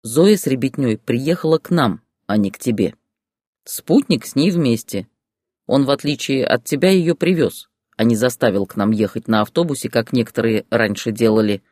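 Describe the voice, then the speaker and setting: A man voicing a stern, gruff older father-in-law in an audiobook story. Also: medium pitch, expressive, moderate pace, a little mellow, dry recording, studio quality, close to an everyday voice. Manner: commanding, gruff.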